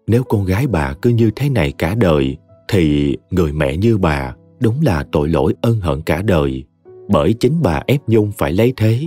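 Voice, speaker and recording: A man narrating a short story in a dramatic, expressive audiobook reading. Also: low voice, husky. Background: soft music.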